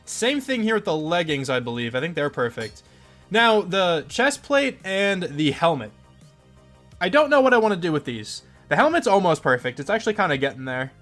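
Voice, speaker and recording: A man's voice: high-pitched, big pitch swings, normal speed, fairly bright tone, soft background music. A congested young man casually commentating his own game footage as the channel host, chatty and rambling with lots of fillers. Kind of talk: casual let's play commentary.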